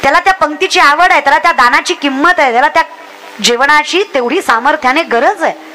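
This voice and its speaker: High-voiced bright woman preacher. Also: fast talker, slight background noise. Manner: exhorting the crowd, acting out villagers' lines. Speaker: kirtan preacher. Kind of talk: comic devotional sermon.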